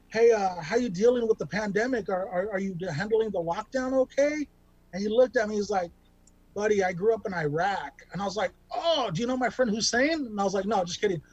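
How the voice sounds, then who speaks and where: A stand-up comic from Bakersfield, California, performs self-deprecating bits over a video call in a high-pitched voice. He rambles, restarts, and fills pauses with ums. The audio is dry, close, and dull, with no room sound.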